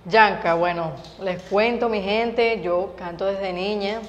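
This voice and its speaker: A young woman from Venezuela talks about her music in a relaxed, lively way, laughing between phrases. Her voice sits in a middle range. The sound is a little dull and carries a long studio reverb. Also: medium pitch, takes it slowly. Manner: lively, laughs often, many fillers. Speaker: singer, interview guest. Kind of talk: casual interview chat. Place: TV studio set.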